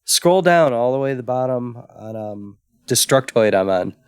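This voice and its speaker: A man's voice: mid-range voice, animated, normal speed, clear, resonant tone, no room sound, clean studio sound. A man co-hosting a casual retro gaming podcast, easygoing and stumbling over his words. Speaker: podcast co-host. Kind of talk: casual chat.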